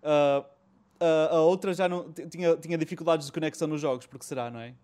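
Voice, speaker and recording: Higher-voiced European Portuguese man, casual. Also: steady tone, fast, darkish tone, smooth. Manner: colloquial, slangy, swears and mixes in English. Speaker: host. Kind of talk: casual chat about retro gaming.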